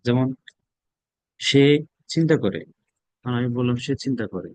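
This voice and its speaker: A man's voice: medium pitch, animated, normal speed, a little mellow, dry recording, rough recording. A man with a Bangladeshi accent teaching a spoken English class. He drills words aloud and repeats them. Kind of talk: classroom lesson.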